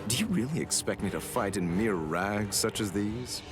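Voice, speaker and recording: A man's voice: fairly low pitch, normal speed, close to an everyday voice. An actor voicing a vain, sneering male villain in an anime game, condescending and theatrical. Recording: game cutscene with loud music.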